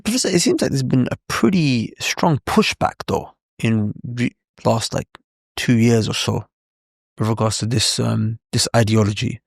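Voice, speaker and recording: A male podcast host asks questions casually, circling a point with fillers before landing it. His voice sits at an ordinary pitch. The sound is dry. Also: moderate pace, gravelly, no echo. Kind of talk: interview.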